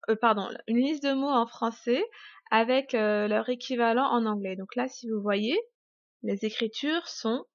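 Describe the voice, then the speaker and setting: A woman with a fairly high voice gives a casual online lesson, chatty, with lots of fillers and self-corrections. She slows down to stress example words. The recording sounds dull and dry. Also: no echo. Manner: chatty, many fillers and restarts. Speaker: English teacher. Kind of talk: YouTube pronunciation lesson.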